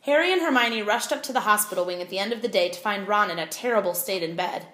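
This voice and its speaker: A woman reading a children's novel aloud, with expressive, clear storytelling. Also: mid-range voice, quick pace, roomy sound. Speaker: audiobook reader.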